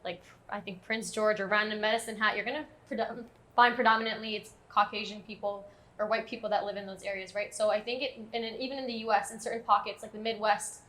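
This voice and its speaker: A woman's voice: mid-range voice, fairly even intonation, fast talker, sharp tone. A woman of twenty-five speaking as a panelist, chatty and often tagging her points with "right?". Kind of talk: casual discussion.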